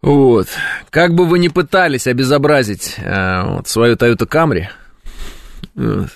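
A man's voice: mid-range voice, unhurried, vocal fry, no room sound, studio quality. A man hosting a talk show, reading listener messages aloud and answering them with ironic, mock-indignant banter. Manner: ironic, mock-indignant, mimics callers in silly voices.

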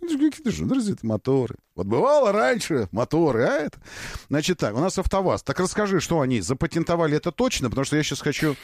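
Animated joking male radio host. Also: fairly high pitch, fast talker, dry recording, clean studio sound. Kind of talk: casual radio chat. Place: radio studio.

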